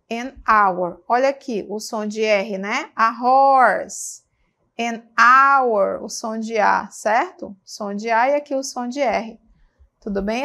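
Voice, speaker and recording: Patient Brazilian woman teaching English. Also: a little high. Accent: Brazilian Portuguese. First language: Portuguese. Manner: patient, repeats words slowly for students. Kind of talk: televised classroom lesson.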